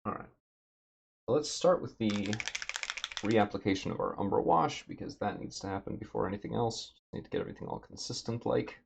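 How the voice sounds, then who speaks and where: Low gravelly man chatting while painting. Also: fairly quick, a little hiss or hum. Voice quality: dry throat, a bit rough. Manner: relaxed, thinking aloud with many fillers. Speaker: streamer painting a miniature. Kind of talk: casual livestream chat. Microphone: desk mic with noise gate.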